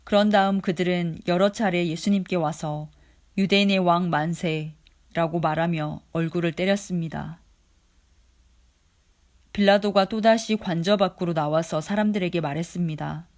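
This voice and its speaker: A reader giving a steady, measured daily scripture reading. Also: medium pitch. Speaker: Bible reader.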